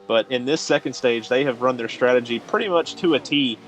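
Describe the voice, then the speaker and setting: A man's voice: mid-range voice, a little fast, a bit bright, soft background music. A man giving color commentary on a sim race, analytical, laughing easily, with many fillers.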